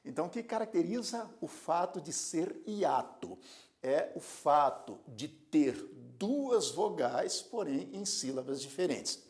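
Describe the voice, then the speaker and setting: A man's voice: fairly high pitch, sing-song, takes it slowly, darkish tone. A man teaching a grammar lesson, spelling words out syllable by syllable and telling students to observe. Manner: addresses students directly with repeated prompts to observe. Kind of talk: recorded video lesson.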